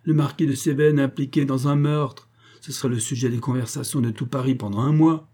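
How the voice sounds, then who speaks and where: A sardonic aristocratic old marquis, as a man reads him, languid and unruffled, mocking every word. The voice sits a touch raised and dark-toned, with a slightly husky grain. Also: medium pitch, fairly even intonation, fairly quick, voice pushed up, lightly acted. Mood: cool.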